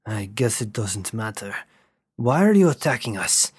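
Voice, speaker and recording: A man's voice: lowish voice, big pitch swings, measured pace, breathy edge, no room sound, clean studio sound, exaggerated voice. A man voicing a commanding adult male lieutenant giving terse orders in a science-fiction story. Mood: stern.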